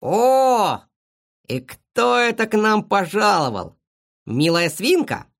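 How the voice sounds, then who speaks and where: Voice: mid-range voice, sing-song, pitched above the performer's own voice. Storybook villain, a mocking male beast who drawls every taunt, as a reader puts him on. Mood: mock-welcoming. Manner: slow, taunting, sneering delivery.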